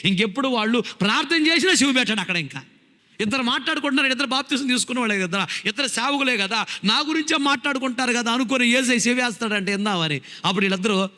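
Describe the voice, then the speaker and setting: A man's voice: very high-pitched, expressive, racing, pushed and bright, big-room sound. A male pastor preaching a sermon, emphatic, firing rhetorical questions at his congregation.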